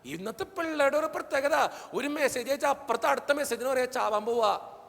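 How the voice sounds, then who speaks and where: High-pitched gravelly priest. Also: male voice, fairly quick. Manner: animated storytelling, acting out the people he quotes. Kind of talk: humorous motivational talk to young people. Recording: long hall reverb.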